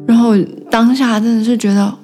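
A woman's voice: on the high side, fairly even intonation, brisk, mellow, faint music behind. Taiwanese woman chatting casually, slightly impeded diction. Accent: Taiwanese Mandarin. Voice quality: slightly impeded articulation from wearing braces. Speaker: podcast host. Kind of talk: casual solo storytelling chat.

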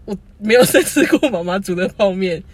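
Taiwanese Mandarin accent, podcast co-host, husky voice, animated storyteller, casual chat. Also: mid-range voice, brisk, no room sound. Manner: animated storytelling, laughs often.

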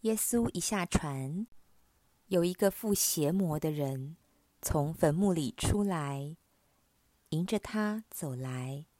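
Woman host, slow solemn scripture reading, lowish voice, dry close sound. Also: warm tone, dry recording. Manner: measured, solemn. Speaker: prayer program host.

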